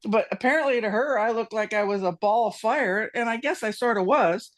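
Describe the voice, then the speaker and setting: A woman's voice: fairly high pitch, a little fast. Chatty woman in her seventies. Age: 70s. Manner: animated, chatty. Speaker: guest on the show. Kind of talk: casual storytelling. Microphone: video call, camera off.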